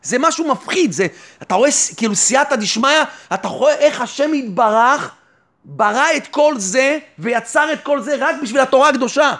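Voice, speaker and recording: A rabbi giving a fervent sermon, who keeps asking the listener rhetorical questions and answering them himself. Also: male voice, very high-pitched, animated, fairly bright tone. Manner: fervent, exhorting the listener directly. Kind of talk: sermon on faith and trust.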